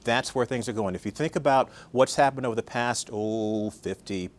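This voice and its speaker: A man's voice: mid-range voice, moderate pace. An older man giving a conversational conference talk, often asking the audience questions. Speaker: guest speaker.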